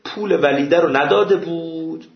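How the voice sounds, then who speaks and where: A male seminary teacher walks his class through a legal argument and tells anecdotes to drive the point home. His voice sits a little high and gravelly, with lively rises and falls. The lecture is captured in an echoey room on a dull, lo-fi recording. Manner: explains, then tells an anecdote to make a point. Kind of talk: jurisprudence lecture.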